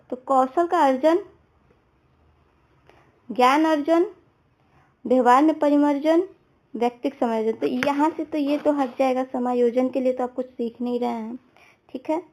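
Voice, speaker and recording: A woman with a high, slightly mellow voice teaches exam prep, walking through answer options for exam questions. She often checks understanding with everyday examples, repeating "theek hai."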